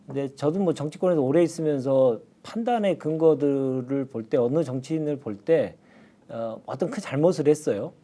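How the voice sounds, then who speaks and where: Measured male party spokesman, mellow tone. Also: a little high. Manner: measured, thoughtful, with hesitant fillers. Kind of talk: political panel talk.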